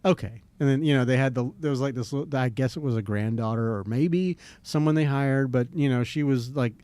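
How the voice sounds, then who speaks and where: A man from Jacksonville, Florida hosts a podcast of casual, rambling chat, calling himself a redneck and drawing his stories out. His voice is medium in pitch, smooth and a little mellow, with no echo.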